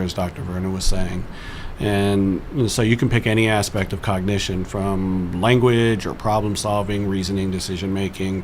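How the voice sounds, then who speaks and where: A man's voice: lowish voice, a little hiss or hum. A man, a psychology professor, explaining his field as a radio guest in a lecturing way, often restarting words. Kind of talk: explanatory interview talk.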